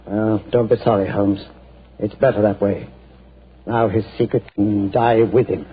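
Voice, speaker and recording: An actor playing a stern, proud middle-aged general in a 1940s radio drama, earnest and prone to stammering. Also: male voice, on the low side, fairly even intonation, unhurried, a little hiss or hum, natural voice. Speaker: army general. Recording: lo-fi old radio broadcast.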